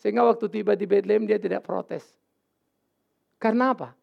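A male pastor preaching a sermon in a casual, animated way, with sudden loud outbursts and English words mixed in. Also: sits high, fairly quick, gravelly. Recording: dull lo-fi sermon recording.

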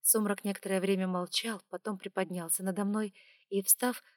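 A woman reading a first-person romance audiobook in a steady, measured, intimate way. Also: mid-range voice, dry recording, studio quality. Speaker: audiobook narrator.

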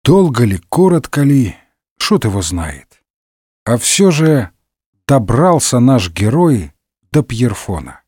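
Slow ironic male storyteller. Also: medium pitch, very animated, darkish tone, husky, no room sound, clean studio sound. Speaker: narrator. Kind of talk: comic audiobook narration.

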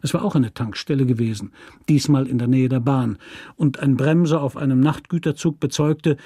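A man narrating a literary crime story for a radio drama in a measured, even storytelling manner. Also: medium pitch, breathy edge, no room sound, clean studio sound.

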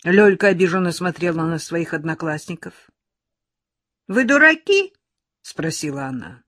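An expressive reader performing a children's story, animated and acting out the children's voices. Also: mid-range voice, a little fast, no echo, clean studio sound. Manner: animated, acts out the children's lines.

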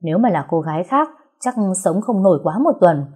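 A woman's voice: medium pitch, animated, normal speed, dark tone, lightly acted. A woman voicing a bold young woman who talks defiantly and commandingly. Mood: indignant. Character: bold, sharp-tongued young woman, Trúc.

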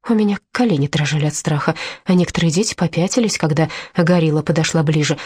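A woman narrating an audiobook in first person with expressive storytelling. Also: deep voice, fast, slightly rough, dry recording.

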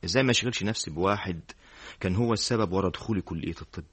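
An earnest young student. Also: male voice, deep voice, very fast, fairly bright tone, husky. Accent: Egyptian Arabic. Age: young adult. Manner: emphatic, repeated denials. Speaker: student friend. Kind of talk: classic radio drama acting.

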